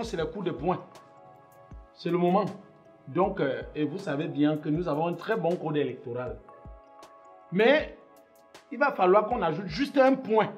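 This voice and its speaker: A man acting as an association president in a comedy sketch, hesitant and stammering as he talks. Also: high-pitched.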